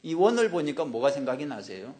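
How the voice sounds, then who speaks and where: A man voicing a calm, clinical male psychiatrist in a joke. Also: on the high side, a little fast.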